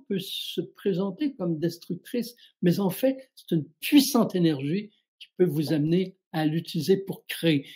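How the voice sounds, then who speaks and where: A middle-aged man hosting a live spiritual guidance show, calmly and reflectively answering viewers' questions and speaking directly to them. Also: fairly high pitch, breathy edge. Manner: calm, reflective, addresses listeners directly.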